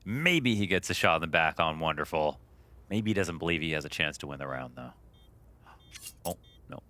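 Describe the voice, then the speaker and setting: A man's voice: a bass voice, expressive, normal speed, pushed and bright. A man giving color commentary on a competitive game match, reacting to plays and laughing with his partner. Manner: laughs often, reacts with disbelief.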